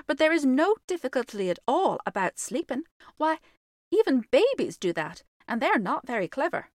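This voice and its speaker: Woman doing sharp-tongued young girl, brisk, high, lively, dry close mic. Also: dry recording. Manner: bright, quick and pert.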